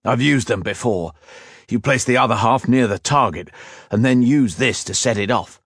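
A proud, quick-tempered companion speaks sharply and in clipped bursts, pitched up from a plain reading voice, as a male narrator plays him. The recording is dry and close. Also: fairly bright tone, breathy edge, dry recording. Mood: grim.

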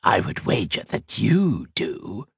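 A sly hooded creature hisses its words slowly and softly, a rasp and a whisper through every line, as a male narrator puts it on. The voice sits low and the recording is dry and close. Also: wildly swooping pitch, no echo, full character voice. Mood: menacing. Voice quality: rasping, breathy whisper. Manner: slow, quiet and taunting.

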